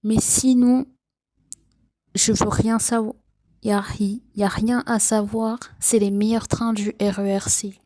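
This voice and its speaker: Young female vlogger, relaxed dark tone, sleepy morning voice, unhurried casual delivery. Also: medium pitch. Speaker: train enthusiast vlogger. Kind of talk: casual FAQ vlog talk.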